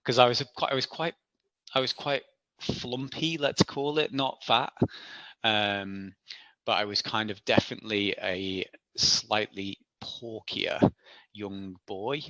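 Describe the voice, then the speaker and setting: Man in his forties, bright voice. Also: lowish voice, takes it slowly, dry recording. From Isle of Man. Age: 40s. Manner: chatty, self-deprecating, laughs often. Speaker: podcast guest. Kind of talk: casual interview storytelling.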